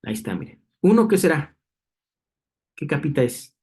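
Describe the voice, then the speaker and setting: A man's voice: fairly high pitch, very animated, normal speed, dark tone, slightly rough. A man teaching anatomy in a classroom lecture, explaining diagrams and checking in with students through frequent tag questions.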